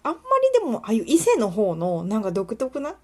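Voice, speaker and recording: A woman's voice: medium pitch, very animated, fairly quick, mellow. A young woman from Kuwana with a light Kuwana dialect, chatting casually and rambling with many fillers on her solo talk show. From Kuwana, Mie, Japan. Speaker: podcast host.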